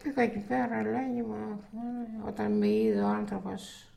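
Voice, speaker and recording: An older woman telling a life story in a halting, rambling way, full of restarts and quoted dialogue. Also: mid-range voice, little pitch movement, mellow. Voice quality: gravelly. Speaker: interviewee. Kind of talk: oral history recollection.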